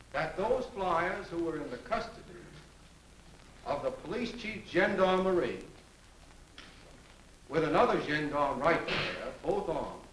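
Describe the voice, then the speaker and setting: A man questions formally as a prosecutor, in a high voice with slow, pressing deliberation. The old courtroom recording is very echoey and somewhat distant. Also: fairly bright tone, slight background noise. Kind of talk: formal cross-examination.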